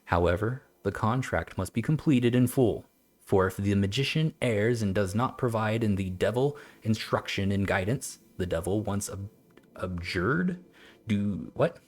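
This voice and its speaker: A man streaming a game, chatting and reading old-style text aloud in a halting, stumbling way, laughing at himself. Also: on the low side, darkish tone. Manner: self-mocking, laughs often. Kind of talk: let's-play commentary with reading aloud.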